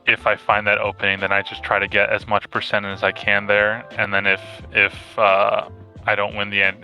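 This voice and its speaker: Man on a voice chat, flat bright voice. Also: lowish voice, poor audio. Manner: hesitant, many fillers and restarts. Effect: voice chat audio that briefly cuts out. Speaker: player being coached. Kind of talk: casual coaching chat.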